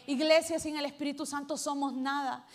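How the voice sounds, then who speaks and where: A woman pastor preaches to her congregation in a high, bright voice. She swings from loud, ringing calls to soft, hushed asides as she talks. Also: steady tone, brisk. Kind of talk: sermon.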